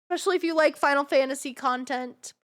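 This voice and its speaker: A woman's voice: sits high, fast talker, fairly bright tone. A woman chatting casually on a livestream as a variety game streamer, with a bubbly, cute anime-streamer delivery.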